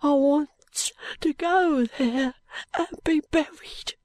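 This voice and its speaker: A woman voicing a weak, dying street boy who talks in dialect with faint, halting whispers. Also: high voice, darkish tone, no echo, pitched above the performer's own voice. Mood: feeble. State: weak and breathless.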